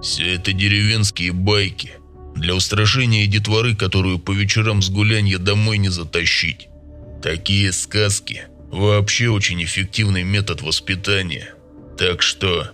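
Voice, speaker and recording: A man voicing a gruff older village man who talks plainly and scoffs at rumors. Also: low voice, fairly even intonation, normal speed, sharp tone, soft background music. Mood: scoffing.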